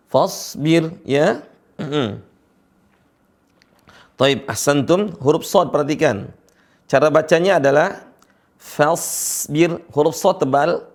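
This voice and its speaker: A man teaching Quran recitation, patiently drilling each letter sound for his students. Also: on the high side.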